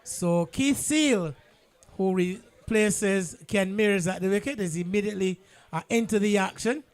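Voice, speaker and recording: A man with a Bajan accent giving live cricket commentary in a measured, explanatory way. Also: high-pitched.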